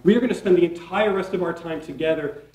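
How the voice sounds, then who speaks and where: A man giving a keynote workshop presentation, lively and playful, firing questions at the audience and dropping sarcastic asides. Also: high-pitched, fast, muffled recording. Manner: energetic, asks the audience questions. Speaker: keynote speaker. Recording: roomy hall, mic from a distance.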